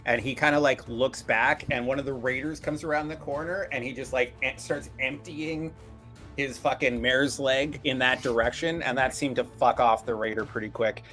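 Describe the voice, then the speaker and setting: A man's voice: mid-range voice, steady tone, normal speed, pushed and bright, faint music behind. Casual, profane man running a tabletop game. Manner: profane, informal. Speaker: game master.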